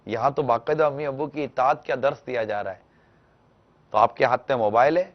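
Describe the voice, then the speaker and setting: On a televised religious advice show, a man answers a caller's question, explaining gently and instructively while acting out small household exchanges. His voice is medium-pitched and the sound is lo-fi.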